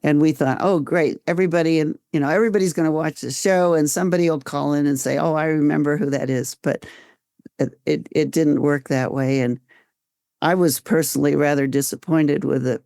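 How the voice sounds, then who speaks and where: An older American woman, an author and volunteer researcher, tells her own story conversationally as an interview guest. She's reflective and halting, repeating phrases as she goes, in a low-pitched, warm voice recorded at studio quality with no room sound.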